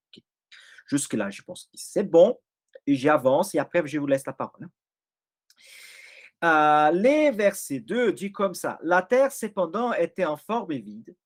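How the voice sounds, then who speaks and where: Guy with a foreign accent walking folks through a bible passage, kinda high voice, keeps checking in. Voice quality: speaks French with a non-native accent. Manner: explains step by step, often checks in with listeners. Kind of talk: informal Bible study explanation.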